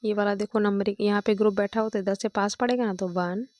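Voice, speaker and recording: A woman's voice: medium pitch, fairly even intonation, fast talker. Woman teacher counting through chemistry names. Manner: counts out loud, checks with "thik hai" and "dekho". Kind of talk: step-by-step classroom explanation.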